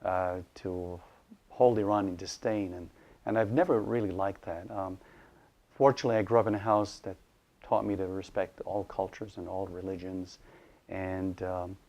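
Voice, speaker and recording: A man's voice: low voice, fairly even intonation, moderate pace, a little mellow. A middle-aged man from Iraq, an author and educator, talking in an interview in a thoughtful way, with many fillers and restarts. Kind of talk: casual interview monologue.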